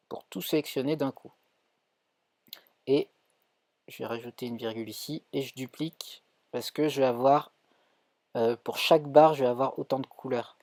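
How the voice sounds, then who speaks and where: A man's voice: mid-range voice, creaky, a little mellow, no room sound. A man with a French accent teaching a live coding tutorial, thinking aloud with many fillers and self-corrections. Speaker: coding instructor streaming.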